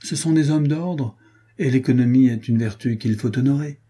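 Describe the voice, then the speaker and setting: A man's voice: medium pitch, moderate pace, mellow, breathy edge, pitched above the performer's own voice, close to an everyday voice. A man reading an audiobook voices an ironic, teasing young nobleman and swordsman.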